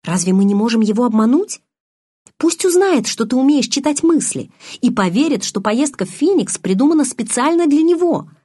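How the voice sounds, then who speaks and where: A woman's voice: high voice, sing-song, normal speed, darkish tone, breathy edge, pitched above the performer's own voice, exaggerated voice. A woman reading an audiobook, voicing an anxious, insistent teenage girl who argues and pleads. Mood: eager. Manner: pleading, argumentative.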